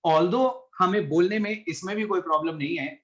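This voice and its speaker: Man, chemistry teacher, high voice, slightly muffled online class audio, patient explaining. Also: moderate pace, fairly bright tone. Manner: patient, explaining in Hindi mixed with English; questions students by name.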